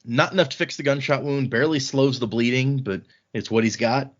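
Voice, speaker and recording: A male podcast host gives an informal, loose recap of a novel, talking fairly quickly and tossing in wry, colloquial asides. His voice sits at a medium pitch. The audio is a bit dull and lo-fi.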